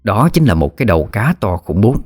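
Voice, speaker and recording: A man with a Southern Vietnamese accent narrating a folk ghost story in a lively, vivid manner. His voice is low-pitched, with faint music beneath. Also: brisk.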